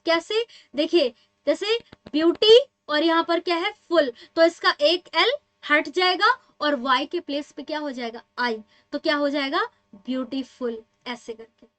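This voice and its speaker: A woman's voice: high voice, pushed and bright. A young woman teacher explaining spelling rules to students in a patient, repeating manner, often asking the class questions.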